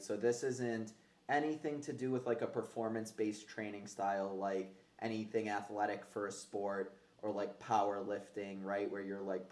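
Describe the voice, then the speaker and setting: His voice is on the low side and a little mellow. He's a podcast host on a casual fitness show, talking conversationally with gym-bro slang and casual swearing, and the recording sounds roomy and echoey.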